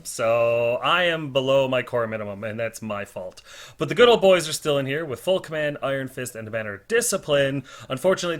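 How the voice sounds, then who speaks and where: Male host, medium pitch. Casual, self-deprecating hobby narration, captured on a cheap laptop mic with slight distortion. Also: fairly bright tone. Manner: chatty, informal, self-deprecating. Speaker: host of a tabletop wargame battle report series. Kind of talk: casual narrated game report. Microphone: built-in laptop or monitor microphone.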